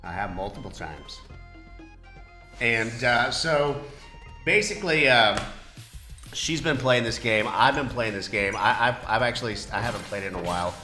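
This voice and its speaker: A man's voice: medium pitch, moderate pace, bright, forceful tone. A man hosting a casual game review chat, rambling with many fillers and restarts. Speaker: channel host. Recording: echoey room with music underneath.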